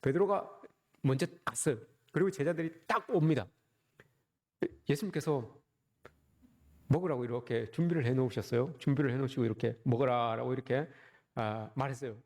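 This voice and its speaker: A man's voice: medium pitch, fairly quick, long pauses, darkish tone. A man preaching a sermon as pastor, joking and asking the congregation rhetorical questions.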